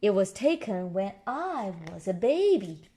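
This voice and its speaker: A woman voicing an insistent, playful young girl sheep in a storybook, with emphatic, drawn-out phrasing. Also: medium pitch, very animated, dark tone, breathy edge.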